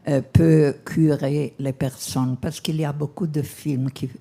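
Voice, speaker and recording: An audience questioner with a foreign accent in French and non-native phrasing, asking haltingly at a press conference, searching for words. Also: medium pitch, fairly even intonation, dark tone. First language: not French, speaks more English.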